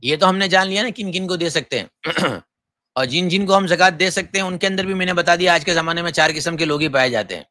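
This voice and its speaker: A man, a mufti from Gujarat, giving a forceful lecture on religious rules and firing off rhetorical questions. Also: sits high. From Gujarat, India. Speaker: mufti teaching Islamic law.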